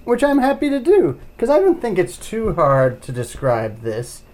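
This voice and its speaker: A man's voice: high-pitched, huge pitch swings, normal speed, darkish tone. Playful podcast man, swinging volume. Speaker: podcast co-host. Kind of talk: casual film review chat.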